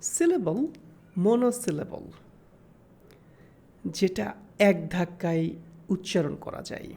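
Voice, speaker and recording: A woman giving a recorded English grammar lesson, explaining step by step and slowing down to sound out example words. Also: on the low side, lively intonation, mellow, husky.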